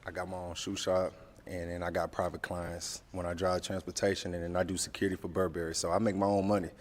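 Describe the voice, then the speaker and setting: A man's voice: low-pitched, flat delivery, fast talker, in a large hall, slight background noise. A man in his late twenties introducing himself on a dating show, running through his jobs. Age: 20s. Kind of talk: self-introduction.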